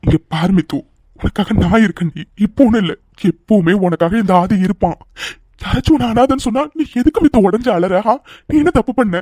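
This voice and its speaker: A devoted young man pleads and insists at a rapid clip. His lines in this cartoon dub come out dry and close, with no room sound around them. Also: high voice, a little mellow, no echo. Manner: pleading and insistent, speaks fast. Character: devoted, protective young man, fiery in love.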